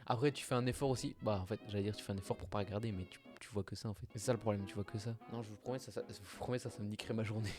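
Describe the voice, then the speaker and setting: A man's voice: lowish voice, steady tone, racing, few pauses, over music. A young man hosting a casual reaction video, talking in slang, sounding exasperated and mumbling asides.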